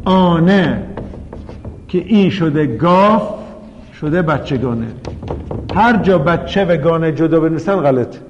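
A man's voice: fairly high pitch, animated, pauses often, a little hiss or hum. Guy with a yazdi accent teaching spelling, asks the class stuff and answers it himself, dull echoey recording. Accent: Yazdi Persian. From Yazd, Iran. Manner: explains step by step, asks the class questions and answers them. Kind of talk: classroom lecture on spelling and pronunciation. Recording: dull recording with long room reverb.

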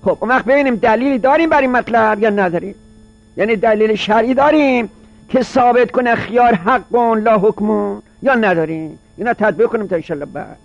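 A man with a strikingly high voice teaches a seminary class, reading out lines of a classical legal text and then unpacking them in relaxed everyday speech. He often repeats a point in several ways to drive it home. The recording is dull and lo-fi. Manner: reads Arabic text aloud, then explains it in colloquial speech.

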